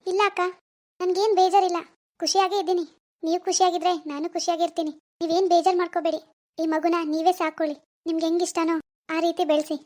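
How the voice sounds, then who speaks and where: Woman doing a super high, squeaky cartoon mom, quick and flat, sweet and reassuring. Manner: soft, reassuring, insistent. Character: young village mother, gentle and self-giving. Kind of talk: animated cartoon dialogue.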